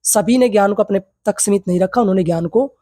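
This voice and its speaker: A man teaching a yoga theory class. He reads English text slowly, then explains it in Hindi, often checking in with tag questions and asking his students rhetorical questions. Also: sits high, dark tone, dry recording, clean studio sound. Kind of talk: lecture.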